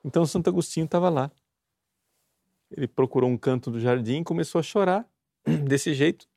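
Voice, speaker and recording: A man with a Brazilian Portuguese accent preaching fervently, pressing his listeners with rhetorical questions and reading quoted passages slowly and solemnly. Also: a little high, creaky, dark tone, dry recording, clean studio sound. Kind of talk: sermon explaining a spiritual classic.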